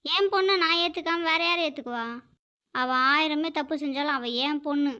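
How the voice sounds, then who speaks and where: A stern old grandmother in a cartoon, holding her ground with firm, scolding lines, as a woman voices her. Her voice sits high and rings bright. The audio sounds muffled and lo-fi. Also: normal speed. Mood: indignant. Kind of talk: animated cartoon dialogue. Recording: dull lo-fi audio.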